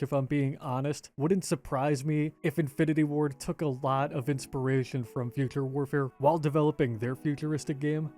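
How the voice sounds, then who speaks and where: A man with a hoarse, raspy voice from a recent illness, narrating a gaming video essay in a casual, chatty way. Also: fairly high pitch, dark tone. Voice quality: rough, raspy voice.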